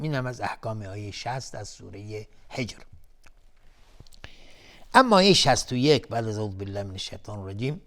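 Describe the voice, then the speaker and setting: A man hosting a televised Quran recitation lesson, chanting each verse slowly and melodically, then calmly explaining the recitation rules word by word. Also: fairly low pitch. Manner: calm, methodical, repeats each word while explaining. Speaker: Quran recitation teacher and host.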